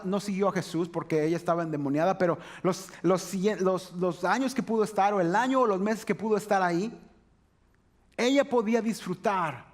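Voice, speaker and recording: A man preaching a sermon in church, often checking in with "¿verdad?". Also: sits high. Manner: conversational preaching, frequent "¿verdad?" tags. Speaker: pastor.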